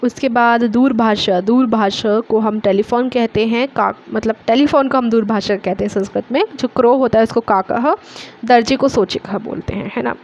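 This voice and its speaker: A woman's voice: on the high side, moderate pace, darkish tone. A young woman teaching an online lesson, patiently spelling out word sounds and checking in with her students often.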